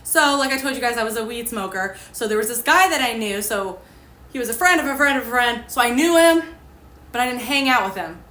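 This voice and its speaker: Young woman spilling her testimony, chatty and candid, bright voice, slightly high, roomy echo. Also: animated, brisk. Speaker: ministry host sharing her testimony. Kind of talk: casual personal testimony. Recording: echoey room with faint ambience.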